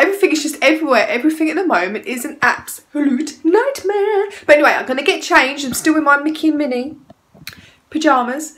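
Woman in her thirties, high voice, bright tone, casual chatty vlog, rambling, filmed at home on a handheld camera. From England. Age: 30s. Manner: chatty and rambling, fond baby talk to her cats. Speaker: vlogger.

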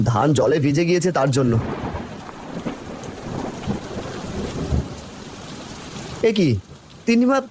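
A man's voice: medium pitch, noisy background, natural voice. A man voicing a caring, worried poor village father in a cartoon, anxious and tender. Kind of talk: cartoon voice acting.

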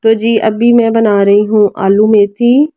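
A woman with a Pakistani Urdu accent, speaking as a mother, narrates a laid-back cooking and family vlog from her kitchen and family room, chatting and regularly asking viewers for help. Her medium-pitched voice is warm and unhurried with little pitch movement, and there's no echo.

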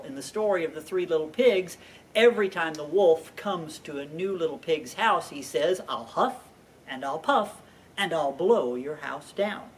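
An older American man in his 60s, with a slightly high voice, presents to young viewers as a children's library storyteller, indoors in a library. He teaches animatedly and deliberately, repeating emphasized phrases in an educational introduction. The microphone is distant and picks up faint room noise.

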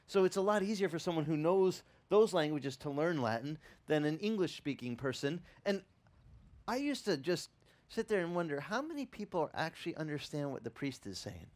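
This outdoor sermon comes from a pastor in his fifties at an open-air beach tent service, speaking through a headset mic. Raised Italian-American, he has a voice on the high side and a normal pace, and he preaches conversationally and animatedly, restarting and aiming asides at listeners.

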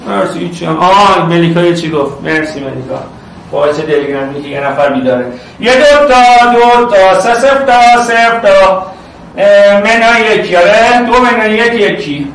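Man, math teacher, loud and animated, high voice, very echoey distant sound. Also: vocal fry, a little hiss or hum. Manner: loud, animated, talks to students directly. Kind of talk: online class lecture.

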